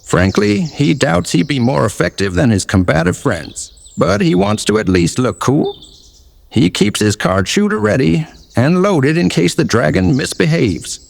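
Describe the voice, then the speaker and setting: High-pitched, very animated man in reverb. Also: unhurried, gravelly. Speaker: player in a tabletop game replay. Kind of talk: scripted narration and character dialogue.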